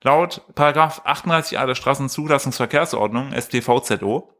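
A man's voice: mid-range voice, fairly quick, fairly bright tone. Casting: male podcast co-host, casual storyteller who rambles and jokes while reading out news. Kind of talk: casual chat.

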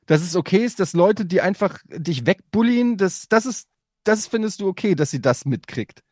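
A man's voice: sits high, animated, normal speed, a little mellow, no room sound, clean studio sound. A man in a casual chat, arguing his point firmly and pressing with questions. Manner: indignant, argumentative, pressing questions.

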